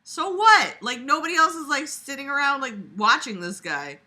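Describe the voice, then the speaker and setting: A young adult woman with a high, bright, pushed voice reads aloud and comments casually, sounding sarcastic, exasperated and blunt. She speaks expressively at a moderate pace while lying on a bed in a small room at home, where she is recorded.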